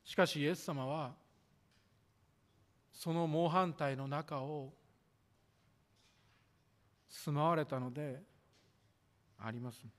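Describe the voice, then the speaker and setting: A man preaching a sermon as pastor, measured and formal, drawing out the ends of his sentences. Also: a little high, steady tone. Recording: echoey hall reverb.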